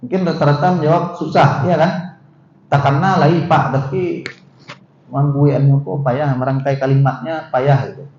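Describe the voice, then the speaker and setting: Speaking in a seminar room, a middle-aged man with a Minangkabau accent, the university's vice rector, lectures in a chatty way, asks listeners questions, and leans on the fillers "eh" and "gitu." His voice is on the high side and a little mellow, with fairly even intonation and a moderate pace. The audio carries a dull, roomy hall quality and faint noise.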